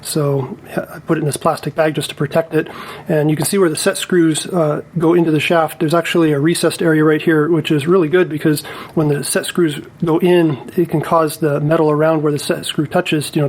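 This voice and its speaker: A slight hiss or hum sits under a man's slightly high, darkish voice as he explains a hands-on repair, technician-style, in a tutorial. Casual and unscripted, he still takes each step methodically and with care.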